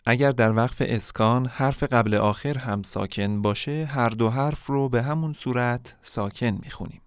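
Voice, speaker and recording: Male lesson narrator, smooth and close, dead-dry sound, measured delivery that drags out example words. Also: medium pitch, dry recording. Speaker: Quran recitation teacher. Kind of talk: scripted instructional narration.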